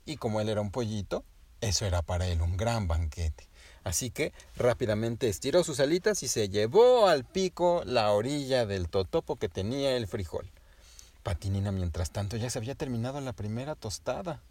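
A man telling a child an improvised bedtime story, gently and animatedly addressing the listener. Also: medium pitch.

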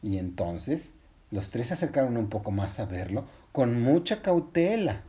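Brief: female storyteller for a children's tale, low and mellow, with a lively, swinging delivery. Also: unhurried. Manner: animated, doing character voices.

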